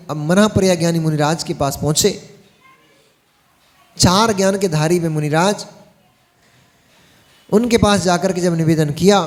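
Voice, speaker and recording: High-voiced man preaching. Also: darkish tone. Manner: folksy, addresses the audience directly with teasing asides. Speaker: Jain monk preacher. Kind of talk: sermon.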